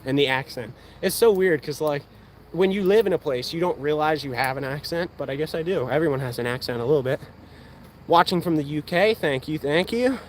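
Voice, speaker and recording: A brisk, fairly high-pitched young man, eighteen years old with a Pennsylvania accent, chats casually while shooting archery outdoors on a livestream. As host of an outdoors channel, he answers viewer questions, with faint outdoor noise in the background.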